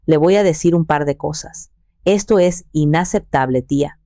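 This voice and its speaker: A woman voicing a young woman in her twenties, a lively and urgent niece in a storybook narration. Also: deep voice, normal speed, no echo. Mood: worried. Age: 20s.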